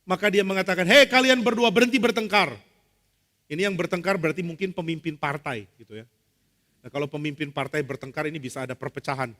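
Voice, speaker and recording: A man's voice: fairly high pitch, fast. A man preaching a sermon, telling stories and acting out the voices he quotes. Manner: animated, acts out quoted voices. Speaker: pastor. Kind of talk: sermon with storytelling. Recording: long hall reverb.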